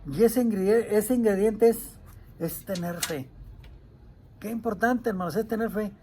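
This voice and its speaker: A man's voice: high voice, a little slow, dark tone, slight background noise. A male pastor preaching a sermon earnestly, retelling a story and crying out the pleas he quotes.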